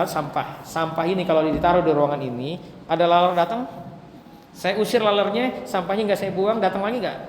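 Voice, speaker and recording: A man gives a conversational sermon to a room of women, addressing them directly and acting out the voices in his stories. His voice sits a little high. It carries with a long hall reverb and faint room noise. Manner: chatty, addresses the women directly, acts out dialogue. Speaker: Islamic preacher. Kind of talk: casual sermon with acted-out stories. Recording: echoey hall with faint ambience.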